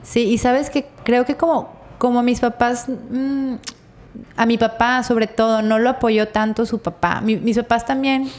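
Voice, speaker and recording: A woman with a Mexican accent, co-hosting a podcast and telling a personal story in a casual, animated, slangy way. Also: a little high, a little slow. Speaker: podcast co-host.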